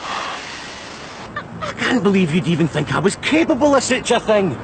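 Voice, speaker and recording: An actor playing a resentful adult brother in a soap opera, bitter and accusing, raising his voice to shouts. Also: high voice, big pitch swings, unhurried, noisy background, full character voice.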